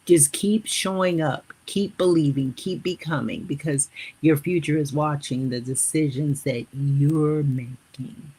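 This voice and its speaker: A woman's voice: low-pitched, mellow, breathy edge. A woman in her fifties or older hosting a live motivational stream. She addresses viewers as family and leads them through repeated affirmations. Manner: slow, repetitive affirmation-leading. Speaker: motivational host.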